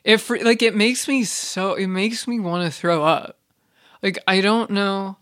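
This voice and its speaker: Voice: medium pitch, steady tone, a little slow, fairly bright tone. Exasperated, profane, casual ranting monologue, lots of fillers and restarts.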